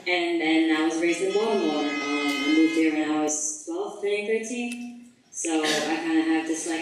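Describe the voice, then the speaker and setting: A young woman from the Philippines giving a casual artist talk, chatty and relaxed, with many fillers. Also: low voice, slight background noise. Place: gallery event space. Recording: echoey room, heard from far off.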